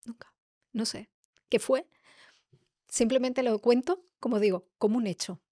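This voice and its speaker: A middle-aged woman, a podcast host telling a personal story in a heartfelt, halting way. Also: fairly high pitch, warm tone, no echo, clean studio sound.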